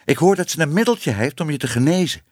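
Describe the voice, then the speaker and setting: A man's voice: fairly high pitch, animated, quick pace, darkish tone, dry recording, clean studio sound, voice pushed up. A man reading a storybook, voicing a sly, scruffy female stray cat who coaxes and needles. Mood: coaxing. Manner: sly, coaxing.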